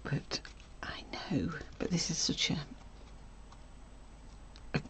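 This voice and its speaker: A sewing tutorial host runs a casual stitching lesson, chatty and self-correcting, often dropping to a soft murmur as she works. She speaks slowly, in a whisper.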